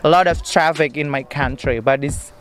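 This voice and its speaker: Speaking at normal speed in a voice on the high side, a young man from Indonesia with an Indonesian accent fields questions in a casual park interview. He's cheerful and talkative but hesitant, filling gaps with many fillers.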